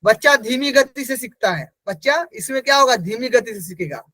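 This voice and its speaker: A man teaches an exam-prep class in a strikingly high voice. He keeps asking the class questions, answers them himself and repeats each key term. The sound is close and dry, with no room around it. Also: expressive, normal speed, sharp tone, no room sound, rough recording. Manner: repeats key terms for emphasis.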